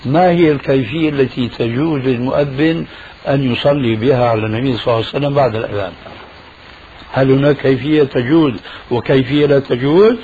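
A man's voice: mid-range voice, fast talker, a little mellow, slight background noise. A man answering a caller on a radio show as a religious scholar, pressing with argumentative rhetorical questions. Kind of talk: call-in radio Q&A. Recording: muffled lo-fi radio recording.

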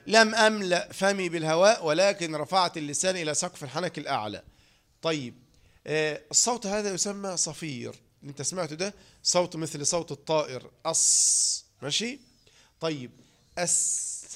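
A man's voice: fairly high pitch, fairly bright tone. A man with an Egyptian accent teaching Quranic letter pronunciation to trainee teachers, demonstrating sounds and asking his students questions. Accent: Egyptian Arabic. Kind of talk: lecture on tajweed pronunciation.

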